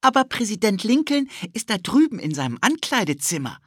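Cheeky wild young boy, high and bouncy, pushy and excited. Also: fairly quick, dry recording, studio quality. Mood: coaxing. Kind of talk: audiobook character voice.

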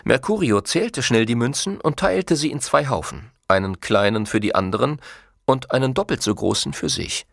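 A male audiobook narrator reads a novel with a lively, varied melody. His voice has a gravelly edge and sits at a middle pitch. The recording is dry and close. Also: normal speed, dry recording. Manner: expressive storytelling. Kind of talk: scripted narration.

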